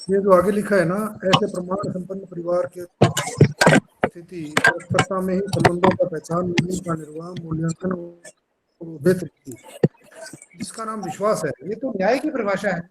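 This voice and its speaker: A man's voice: sits high, fairly even intonation, moderate pace. A man in a study group asking questions over a bad call connection that keeps cutting out. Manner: questioning, brief replies. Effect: voice breaking up on a bad call connection. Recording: noisy, dropping call line.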